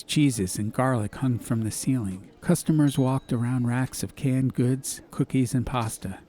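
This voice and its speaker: A man with a warm, medium-pitched voice narrates a scripted audiobook story. Ambient background noise sits beneath his voice.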